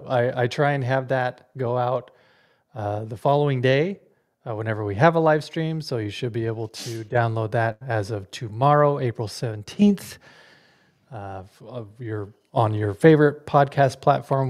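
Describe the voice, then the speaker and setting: A man's voice: mid-range voice, normal speed, darkish tone. A man co-hosting a casual podcast, chatty and laughing lightly between words. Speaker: podcast co-host.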